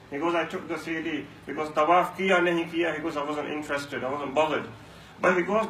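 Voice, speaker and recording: With a fairly high voice that sounds pushed and bright, a man gives a Ramadan talk at a mosque, narrating stories and repeating lines for emphasis. The mic sits far off in an echoey room, picking up a faint hum.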